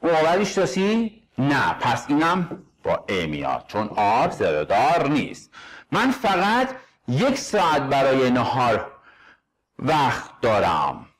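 A man with a Persian accent teaching English grammar, reading example sentences slowly and quizzing his students. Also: medium pitch, wildly swooping pitch. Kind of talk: grammar lesson walkthrough.

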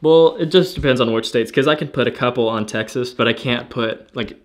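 A young man tours viewers through his house in a relaxed vlog, cracking jokes and talking straight to the camera. His voice is mid-pitched and easygoing. He is recorded indoors as he walks between rooms. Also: a little fast. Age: young adult. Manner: joking, laid-back, talks to viewers directly. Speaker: vlogger. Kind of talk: casual home-tour vlog.

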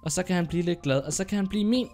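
Young male gaming host, a bit sick with a sore throat, chatty and excitable, narrates every move in a fairly high voice. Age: young adult. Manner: excitable, chatty, narrating his own moves. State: sore throat, coughing now and then. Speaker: gaming YouTuber. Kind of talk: gameplay commentary.

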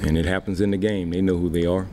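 After the game, a middle-aged male baseball manager speaks to reporters at a desk microphone. He answers plainly and without hurry, using many fillers, his voice sitting low with fairly even intonation. Background noise is present.

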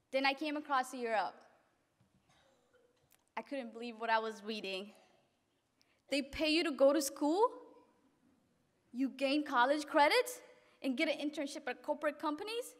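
Young woman, high voice, graduation speech at a podium, earnest, long hall reverb. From Africa. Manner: earnest, reading from notes, halting restarts. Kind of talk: reading a prepared graduation speech. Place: event hall, indoors. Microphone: podium microphone.

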